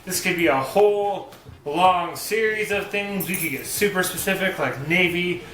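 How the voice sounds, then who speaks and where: A man's voice: high voice, moderate pace, a bit bright. Casual joking man in an echoey room. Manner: rambling, joking, conversational. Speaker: vlogger giving boot camp advice. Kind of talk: casual advice talk. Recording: roomy echo, faint hiss.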